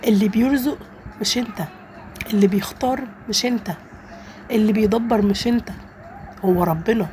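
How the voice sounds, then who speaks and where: A woman's voice: medium pitch, brisk, darkish tone, slight background noise. A woman with an Egyptian Arabic accent, narrating a first-person story in an earnest, emotional way.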